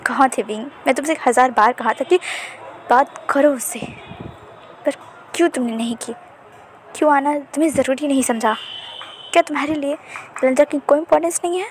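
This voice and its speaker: A woman voicing a stern mother who reproaches her grown son with sharp questions. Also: high voice, normal speed, pauses often, a little hiss or hum, lightly acted. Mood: scolding. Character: stern scolding mother of a young man.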